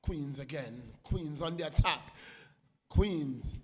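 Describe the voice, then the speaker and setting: A man giving unhurried live play-by-play commentary on a women's football match, lifting his voice when play gets close to goal. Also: on the high side, in a large hall, slight background noise. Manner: unhurried play-by-play, rising on attacks.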